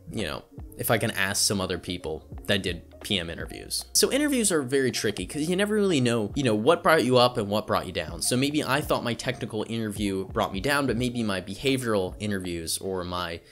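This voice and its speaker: A man's voice: fairly low pitch, fairly bright tone. A young man talking casually to camera in a vlog, chatty and rambling with lots of fillers, about his own experience. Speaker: YouTuber. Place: home setup. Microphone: studio microphone.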